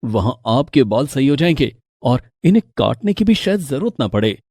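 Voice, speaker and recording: A man voicing a firm calm young husband. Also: mid-range voice, moderate pace, dry recording, studio quality. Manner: firm, reasoning.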